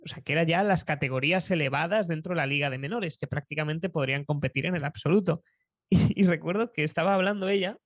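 Young man from Spain, Spanish accent, lively anecdotal storyteller, dry recording. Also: a little high, fast talker, no echo. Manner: lively storyteller, chuckles often. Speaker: public speaking coach.

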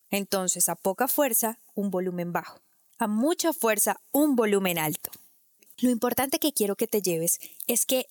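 A woman voice coach explaining technique in a clear, didactic way, speaking straight to the listener. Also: medium pitch, a little mellow, dry recording, studio quality. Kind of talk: instructional talk to camera.

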